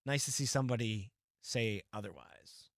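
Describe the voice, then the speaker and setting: A man co-hosting a casual sports podcast, talking in an animated, opinionated way with quick asides. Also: on the low side, dry recording, studio quality. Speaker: podcast co-host.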